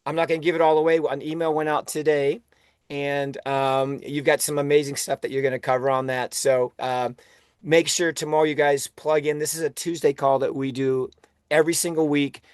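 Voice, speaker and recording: A man's voice: on the high side, little pitch movement, fairly quick, smooth, dry recording, clean studio sound. A man hosting a motivational team call, enthusiastic and often laughing, restarting his words as he goes. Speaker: host of a weekly team call.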